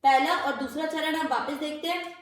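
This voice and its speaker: A high-voiced woman speaking at normal speed walks learners through Sanskrit verse pronunciation one step at a time. She patiently repeats syllables and asks rhetorical questions, and the room is very echoey.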